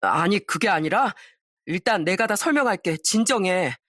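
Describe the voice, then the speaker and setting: A woman's voice: mid-range voice, animated, normal speed, fairly bright tone, no room sound, studio quality. A woman voicing an evasive cheating husband who makes defensive, pleading excuses in a story drama.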